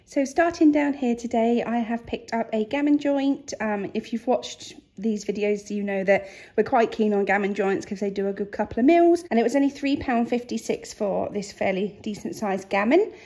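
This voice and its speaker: In her kitchen, a vlogger chats to the camera about her grocery haul in a fairly high voice at a normal speed. She sounds relaxed and chatty and says "um" a lot.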